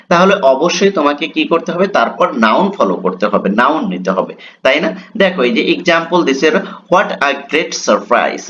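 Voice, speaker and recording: A man with a Bengali accent teaching an English grammar lesson, reading the English examples slowly and explaining them with rhetorical questions. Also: a little high, fairly bright tone. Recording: dull lo-fi with faint noise.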